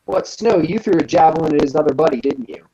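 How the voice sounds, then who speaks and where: A woman narrating as game master of a tabletop game, relaxed and hesitant with frequent ums. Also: sits low, fast, lo-fi sound, slight background noise.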